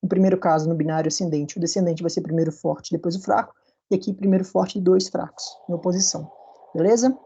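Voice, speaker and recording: A man's voice: high voice, steady tone, quick pace, creaky, mellow, husky, lo-fi sound. A man with a Brazilian Portuguese accent giving a recorded university lecture over slides, explaining patiently and often checking in with his students.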